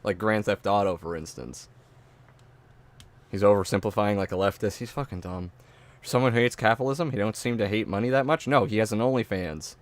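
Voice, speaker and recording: A man's voice: lowish voice, brisk. A man streaming a reaction, ranting bluntly and swearing often, stumbling over his words. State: stuttering, drinking an energy drink. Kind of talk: casual profane reaction commentary.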